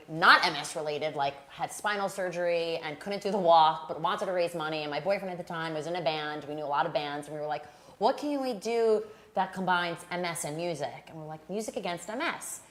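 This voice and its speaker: A woman's voice: lowish voice, brisk, fairly bright tone, echoey room. A woman with a Long Island accent, chatting casually as a guest about the charity event she organizes, earnest and full of "like". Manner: chatty, frequent "like" fillers, earnest. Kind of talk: casual chat.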